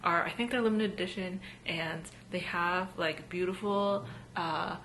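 A woman's voice: on the low side, fairly even intonation, a little slow, a bit bright, slight background noise. A young woman vlogging casually from her small home art studio, chatty and upbeat, with many ums. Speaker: artist vlogger. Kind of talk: casual vlog talk to camera.

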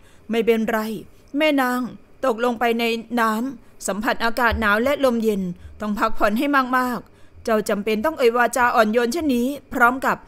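A woman voicing a gentle, wealthy young nobleman who speaks softly and calmly in an audio novel. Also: fairly high pitch, moderate pace, close to an everyday voice. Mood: soothing. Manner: soft, calm and soothing.

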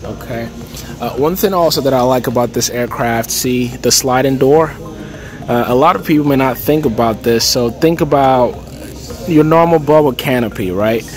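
An aviation vlogger with a mid-range voice gives a casual walkaround tour of a large indoor aircraft hangar at an expo, filmed on a handheld phone. He's relaxed and chatty, filling pauses with lots of "okay" and "uh", as music and crowd chatter fill the background.

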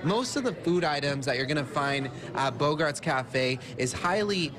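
A man's voice: on the high side, animated, moderate pace, a crowd in the background. A young man reporting live for TV from a cafe, upbeat and chatty, on a handheld mic. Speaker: field reporter. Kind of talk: live TV food segment. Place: indoor cafe dining room. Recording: diners chattering behind.

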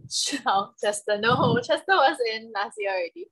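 A woman's voice: high voice, animated, measured pace, fairly bright tone, breathy edge. A young woman with a Singaporean accent casually hosts a guessing game on a video call, using colloquial Singlish. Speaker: online game host. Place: indoor room, video call. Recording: online group video call.

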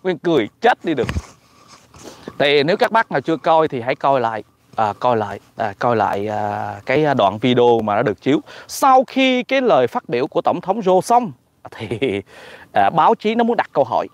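A man with a Southern Vietnamese accent gives casual political commentary in an animated, mocking, exclamatory way. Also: medium pitch, brisk, no room sound.

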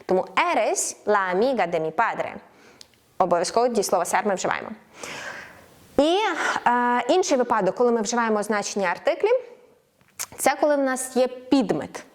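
Woman teaching Spanish slowly. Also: fairly high pitch, expressive. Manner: explains clearly, slows right down for example phrases. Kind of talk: online language lesson.

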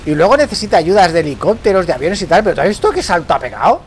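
A Spanish man with a Valencian accent giving casual, joking commentary as he plays a game, shouting and yelping when things go wrong. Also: high-pitched, big pitch swings, very fast, slight background noise. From Spain. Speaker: gaming streamer.

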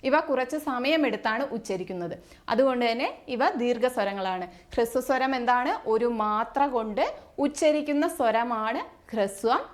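Female tutor, slightly high voice, patient and repetitive, exam-prep lesson delivery. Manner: patient, repeats each definition slowly. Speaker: teacher.

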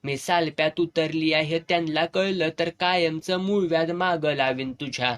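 A man's voice: fairly high pitch, fairly even intonation, moderate pace, fairly bright tone, lightly acted. A man voicing a fierce, defiant village woman in a serialized audiobook, speaking rural Satara Marathi dialect in harsh, commanding bursts. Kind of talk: audiobook character voice.

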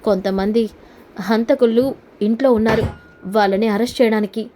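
Furious middle-aged father demanding the truth , read out by a woman with a mellow, higher voice. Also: fairly even intonation, moderate pace, slight background noise, natural voice. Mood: angry. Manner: forceful, accusing. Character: angry middle-aged man confronting his family.

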